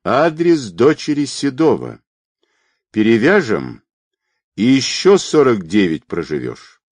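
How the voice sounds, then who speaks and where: A man's voice: medium pitch, huge pitch swings, slow, a little mellow, dry recording, pitched above the performer's own voice, exaggerated voice. A sneering fake police captain , put on by a male reader, who swings between mockery and cold threats. His voice leaps up when he taunts and sits in a dry, close recording. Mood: threatening. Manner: mocking, sarcastic, threatening.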